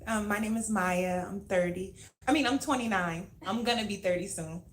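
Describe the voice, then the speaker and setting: A woman's voice: mid-range voice, moderate pace, slight background noise. A woman in her late twenties on a dating show, talking in a hesitant, rambling way. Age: 20s. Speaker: contestant.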